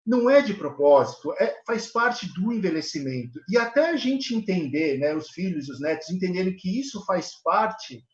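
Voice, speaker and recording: A man, a guest in a live interview, speaking earnestly and haltingly with many fillers. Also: high-pitched, very animated. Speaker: guest, elder care manager. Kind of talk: live video call interview. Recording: echoey, dull video call audio.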